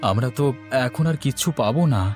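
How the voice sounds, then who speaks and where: A voice actor in a Bengali cartoon story plays a poor, earnest farmer, pleading in despair. His mid-pitched, darkish voice is fast and lively in intonation, lightly acted, with faint music behind.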